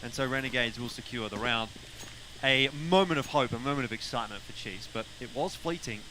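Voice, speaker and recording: A man's voice: medium pitch, expressive, fairly quick, pushed and bright, rough recording. A man giving live play-by-play commentary on a video game match. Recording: clear gunfire and game noise behind.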